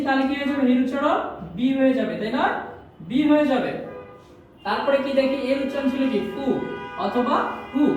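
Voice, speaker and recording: A woman's voice: high-pitched, a little mellow. A woman with a Bangladeshi Bengali accent teaching a language class, drilling sounds over and over and answering her own questions. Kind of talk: classroom lesson. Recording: very echoey room, voice from far off, faint noise.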